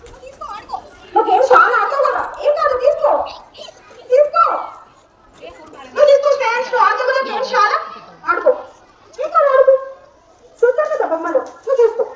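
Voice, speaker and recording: A woman teacher, speaking in a very high voice as she coaxes small children with question after question. She is caught from a distance in an echoey classroom, with a faint hiss behind her. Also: lively intonation, fast talker, pauses often, a bit bright, some chatter behind. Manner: coaxing, repetitive, questioning. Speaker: school teacher. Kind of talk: coaxing young children in a classroom demonstration. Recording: echoey room, mic far off, faint noise.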